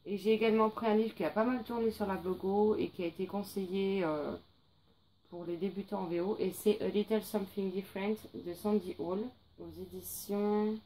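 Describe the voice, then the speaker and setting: A woman's voice: medium pitch, fairly even intonation, moderate pace, warm tone, a little hiss or hum, poor audio. A young woman chatting casually about books she bought, hesitating often with fillers. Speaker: book vlogger. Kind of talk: casual book haul vlog.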